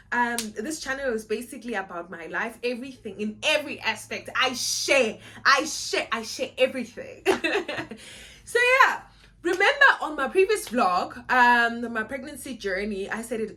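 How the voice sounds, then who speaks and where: Speaking in a fairly high, pushed and bright voice over slight background noise, this young South African vlogger chats casually to camera. She is a native Xhosa speaker in young adulthood who repeats words and laughs readily.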